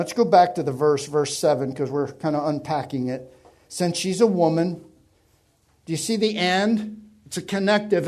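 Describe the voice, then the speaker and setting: A middle-aged man preaching a sermon as pastor, with an emphatic, varied delivery. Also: high voice.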